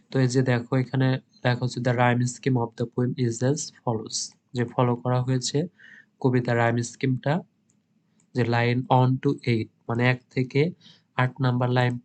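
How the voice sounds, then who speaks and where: Male Bangladeshi tutor, exam-prep lesson, level monotone delivery, English read out slowly then translated. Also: medium pitch. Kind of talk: exam-prep lesson, reading notes aloud.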